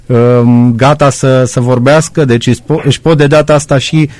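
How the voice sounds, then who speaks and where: A man's voice: mid-range voice, fairly even intonation, a little mellow. A man hosting a radio call-in show, friendly and teasing, with many fillers. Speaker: radio host.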